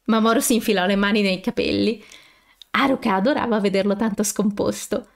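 A woman reading fan fiction aloud as an audiobook narrator, steady storytelling with occasional self-corrections. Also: mid-range voice, brisk, vocal fry.

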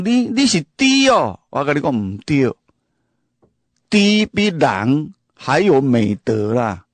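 With a mid-range voice and no room sound, a man whose first language growing up was Hakka narrates an informal storytelling monologue. He's emphatic, throws rhetorical questions at the listener, and often repeats or restarts what he's saying.

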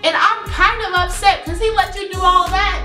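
A woman's voice: extremely high pitch, steady tone, moderate pace, music in the background. A young woman, a reality show contestant, reacting dramatically in a confessional. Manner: dramatic, exclamatory. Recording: roomy echo, distant mic.

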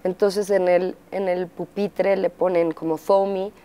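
A middle-aged woman with a Mexican accent telling her story as an interview guest, pausing often with fillers and acting out quotes. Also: fairly low pitch, little pitch movement, dark tone, clear, resonant tone. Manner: halting, frequent fillers, acts out quotes. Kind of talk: candid interview testimony.

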